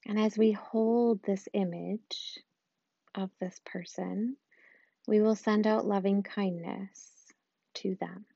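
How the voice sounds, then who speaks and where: Slow, soothing woman guiding meditation. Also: mid-range voice, steady tone, gravelly, slightly rough, no room sound, muffled recording. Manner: slow, soft and soothing, with long pauses. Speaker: meditation guide. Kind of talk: guided loving-kindness meditation.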